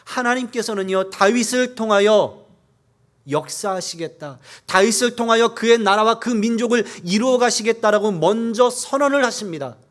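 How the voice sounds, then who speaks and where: A man preaching a Sunday sermon as a pastor, earnest, building up at key points and reading scripture aloud in a measured cadence. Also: a bit bright. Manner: earnest preaching, rising in force at key points then dropping low.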